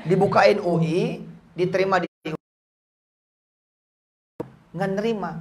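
A man preaching a lively, joking sermon at a boarding school gathering, telling stories in casual speech. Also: unhurried, slight background noise. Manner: jokey, acts out quoted voices with big pitch jumps.

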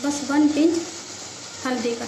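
A woman's voice: sits high, measured pace. A woman hosting a home cooking video, explaining each step plainly and unhurriedly at her kitchen stove. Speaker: cooking channel host. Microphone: phone camera held over the stove. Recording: echoey kitchen with loud cooking noise. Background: sizzling and frying in the pot.

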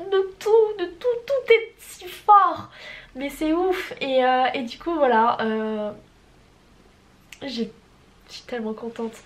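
A woman of twenty-four with a stuffy nose, chatting casually and rambling about her writing progress with slang and swearing. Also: a little high. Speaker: writer vlogging her progress. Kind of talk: casual chat.

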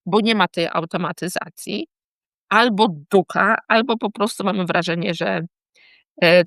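A woman's voice: medium pitch, no room sound. A woman teacher explaining warning signs of dyslexia to parents and teachers, often checking in with short tag questions. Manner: lively, checks in with tag questions like "tak?" and "hmm?".

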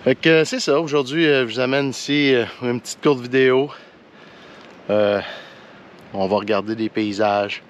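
A hiking vlogger with a Quebec French accent chats casually to the camera on a forest trail and a mountain summit, speaking in a relaxed, colloquial, slightly halting way. His voice sits at a medium pitch, and the dull-sounding audio carries outdoor ambient noise behind him.

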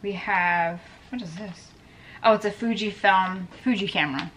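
At a normal speed and with a mid-range, somewhat bright voice, a storage unit reseller in her thirties vlogs from inside a metal unit, with slight background noise. She chats wryly to the camera while sorting items, thinking aloud about each discovery.

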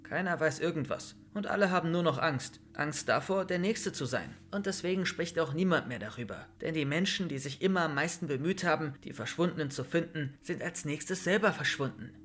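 Guy putting on a secretive village woman, higher voice, whispery and ominous, warning tone. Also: a little fast, hardly any pauses, fairly bright tone, close to an everyday voice. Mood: fearful urgency. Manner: conspiratorial, warning, at times whispered.

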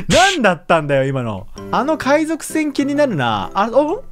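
A woman giving casual let's-play commentary, chatty and excitable, laughing often as she reacts. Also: a little high, measured pace, faint music behind. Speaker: gaming YouTuber.

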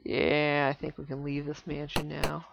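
A woman hosting a let's play of an old computer game, relaxed and thinking aloud as she reads the game's text. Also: sits low, a little slow, vocal fry, background noise. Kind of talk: casual game commentary. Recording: slightly dull lo-fi desktop recording.

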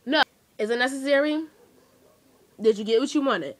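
A woman's voice: high voice, moderate pace. A young woman, a daughter, ranting in a casual vlog in a scolding, dismissive way. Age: young adult. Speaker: daughter answering a video.

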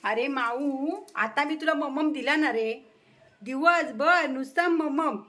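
A woman's voice: high-pitched, slow, pushed and bright. A woman at home feeding her cat and dog, coaxing and scolding them in cooing baby talk, then greeting her viewers. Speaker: vlogger feeding her pets. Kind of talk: casual home vlog.

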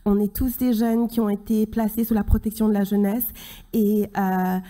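A woman in her thirties giving a closing conference speech from a podium, earnest and halting, with many restarts. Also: medium pitch, level tone, dark tone. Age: 30s. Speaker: keynote speaker. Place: large conference hall stage at a podium. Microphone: podium microphone.

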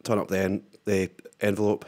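A man with a Glaswegian accent hosting a synth tutorial, talking in a relaxed, rambling way with plenty of fillers. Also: on the low side, a little fast. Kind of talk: casual tutorial talk.

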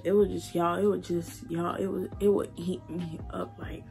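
A young woman, crying and halting as she tells her story while doing her makeup. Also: lowish voice, little pitch movement, creaky, darkish tone, faint music behind. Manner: emotional, halting, repeats herself. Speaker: beauty vlogger. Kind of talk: tearful get-ready-with-me chat.

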